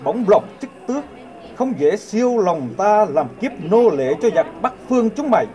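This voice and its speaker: A man's voice: high voice, very animated, moderate pace, soft background music. An actor playing a fearless captured general in a historical drama, solemnly declaiming defiance at his captors. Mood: scornful defiance. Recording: loud crowd noise behind.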